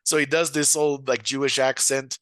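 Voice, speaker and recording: Bright-voiced guy hosting a podcast, jokey rambling chat, dry close sound. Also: mid-range voice, little pitch movement, moderate pace, no echo. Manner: joking, rambling, laughs often. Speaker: podcast host. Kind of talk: casual comedic chat.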